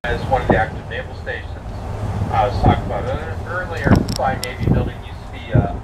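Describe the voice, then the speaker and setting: A man's voice: medium pitch, a little fast. A man narrating a sightseeing tour from an open-air tour train, rambling with many fillers and light jokes. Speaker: tour guide. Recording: distant voice over vehicle and street noise.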